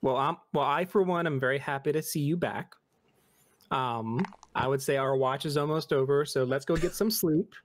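A man's voice: mid-range voice, moderate pace, no echo. Casual young man role-playing, dry mic. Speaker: tabletop game player. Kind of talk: casual in-character role-play chat.

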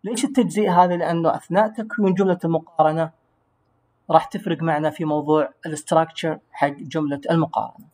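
A man, an English teacher giving a recorded grammar lesson, who explains patiently and slows down to pronounce English words. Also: a little high, fairly even intonation, darkish tone.

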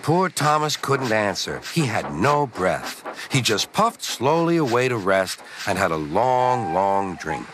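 A man narrating a children's train story in a gentle, expressive storytelling way. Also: fairly low pitch, measured pace, few pauses, noisy background. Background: loud music.

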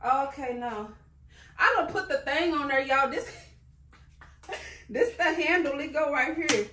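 A middle-aged American woman vlogger chatting casually to camera in a playful, slangy, expressive way. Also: high voice, slow pace, roomy sound, a little hiss or hum.

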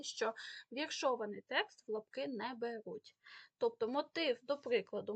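A woman's voice: a little high, fairly bright tone, slightly rough. A woman with a Ukrainian accent teaching an exam prep language lesson, explaining rules step by step and stressing example words. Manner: filler pauses.

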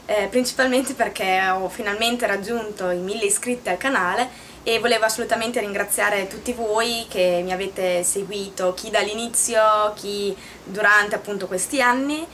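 A young woman from Italy chats informally to her camera in a small room. She speaks haltingly at a medium pitch, often feeling for the next word. Some background room noise sits under her voice. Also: fairly bright tone. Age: 20s. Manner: halting, searching for words. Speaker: video blogger. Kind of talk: casual talk to camera.

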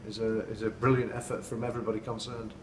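Indoors at night in a dimly lit room, a middle-aged man who manages a football team speaks frankly and sincerely after a match. He talks quickly and flatly in a fairly low voice, caught off-mic from afar in a noisy, echoing space.

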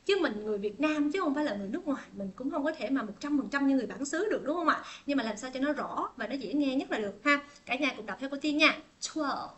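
A woman with a high, bright voice teaches a pronunciation lesson on a livestream. She chats with her viewers and drills each word by repeating it slowly, with frequent laughs in between. The sound comes from a tablet microphone indoors. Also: lively intonation. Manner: chatty, drills words by slow repetition. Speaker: English teacher.

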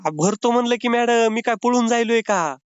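A man's voice: very high voice, moderate pace, clear, resonant tone, no echo. A man making a comic prank phone call, pleading and whining in a mock-sobbing way. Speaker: prank caller.

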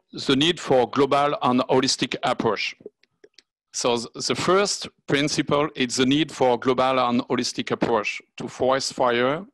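Man in his 60s, French accent, halting webinar talk, dry close sound. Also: medium pitch, a bit bright, no echo, poor audio. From France. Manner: halting, searching for English words. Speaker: fire service officer presenting. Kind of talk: formal webinar presentation. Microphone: video call.

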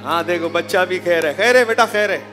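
Male game show host, high voice, teasing and bossy, hall reverb with music behind. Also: fairly quick. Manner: teasing, bossy, jokey running commentary. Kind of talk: lively game show hosting.

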